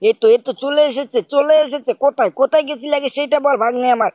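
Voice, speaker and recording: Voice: high-pitched, fairly even intonation, fast, a little mellow, no room sound. A gaming host, doing playful commentary as a scolding uncle, forever asking if he is understood. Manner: scolding, repeats "bujhchhis?". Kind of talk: playful commentary over gameplay, playing the uncle.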